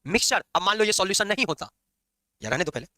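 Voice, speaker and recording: A man lectures his chemistry class quickly, teasing and scolding students along the way. His voice is high and very bright, swooping up and down. The sound is dry and close. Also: no room sound. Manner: lively, scolding and joking with students. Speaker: chemistry teacher.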